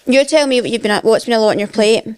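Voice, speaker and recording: Teasing woman, fairly high voice. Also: rapid-fire, darkish tone. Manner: chatty, teasing, talks while eating. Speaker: podcast co-host. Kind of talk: casual chat.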